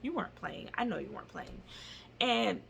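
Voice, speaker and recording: A woman's voice: medium pitch, sing-song, normal speed, creaky, fairly bright tone, slight background noise. A woman in her twenties telling an indignant storytime in a vlog, with music underneath. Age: 20s. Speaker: vlogger.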